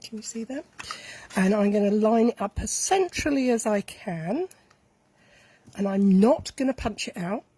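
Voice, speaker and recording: A woman, a bit croaky today, chatting her way through a hands-on craft demonstration and correcting herself as she works. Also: medium pitch, animated, measured pace, dark tone, no room sound. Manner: chatty, self-correcting, talks while working with hands. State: slightly croaky voice. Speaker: craft tutorial host. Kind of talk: casual step-by-step craft demonstration.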